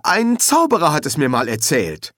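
A man's voice: on the high side, wildly swooping pitch, normal speed, a bit bright, no echo, clean studio sound, pitched above the performer's own voice. A man voicing an easygoing young male actor who stammers and hedges. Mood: hesitant. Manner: stammering and casual.

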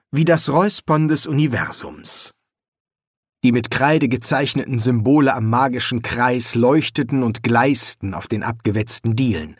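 A man narrating a fantasy audiobook in an expressive reading. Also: medium pitch, slightly rough, dry recording, clean studio sound. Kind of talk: scripted narration.

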